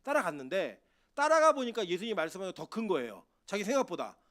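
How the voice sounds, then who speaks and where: A man's voice: sits high, very animated, fast talker, fairly bright tone. A man preaching a sermon as pastor of a church, asking the congregation questions and acting out Bible figures in quoted speech.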